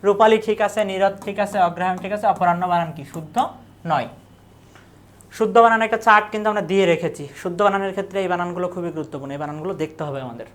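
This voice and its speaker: A woman teacher works through an exam-prep lecture in a voice pitched a little low. She poses questions and answers them herself, repeating key words as she goes. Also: rapid-fire.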